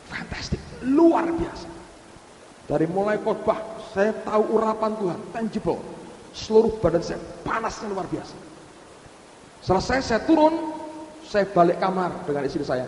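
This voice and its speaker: A middle-aged man, a pastor, giving a sermon and telling a personal testimony to the congregation, addressing them directly as he talks. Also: sits high. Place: church hall. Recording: echoey hall with faint hiss.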